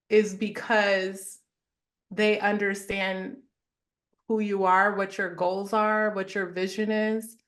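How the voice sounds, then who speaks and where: A woman speaks as a podcast guest in an unhurried, even delivery, her tone low in variation and touched with gravelly fry. She lays out her thinking carefully, like a therapist explaining her approach. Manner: measured, explanatory, steady. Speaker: therapist and wellness founder, guest. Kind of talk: podcast interview conversation.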